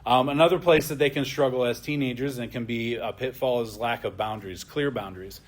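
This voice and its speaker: A man's voice: mid-range voice, a little fast. A man teaching an adult church class in a plain, conversational way. He often adds a questioning "right?" as he talks.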